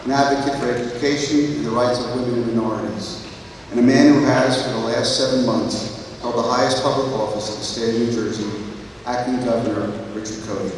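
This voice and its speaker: A man giving a measured, earnest formal introduction at a school graduation. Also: mid-range voice, fairly even intonation, noisy background. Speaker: commencement presenter. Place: large hall, far from mic. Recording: echoey hall from far off.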